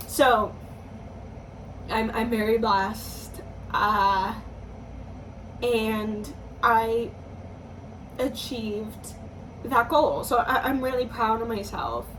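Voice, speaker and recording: A woman in her twenties, a musician talking slowly and thoughtfully in a personal vlog, often pausing and restarting her sentences. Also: on the high side, a bit bright. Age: 20s. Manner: slow, thoughtful, hesitant with restarts. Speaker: musician vlogger. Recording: slightly distant mic, faint background noise.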